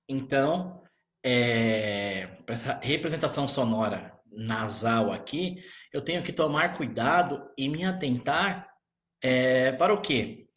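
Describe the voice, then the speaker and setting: A man's voice: medium pitch, fairly bright tone. A man teaching a recorded grammar lesson, explaining patiently and checking in with his students again and again. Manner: keeps checking in with the class.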